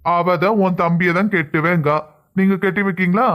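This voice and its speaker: A man's voice: high-pitched, steady tone, moderate pace, fairly bright tone. A man playing a stern, impatient husband. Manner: lecturing, curt. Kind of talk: cartoon voice acting.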